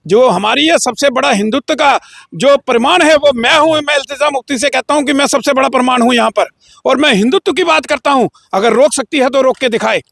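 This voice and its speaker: A man's voice: very high voice, a little fast, creaky, a bit bright, no echo, clean studio sound. A man as an interview guest giving a heated, combative political statement with frequent filler phrases. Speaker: interview guest, local group leader.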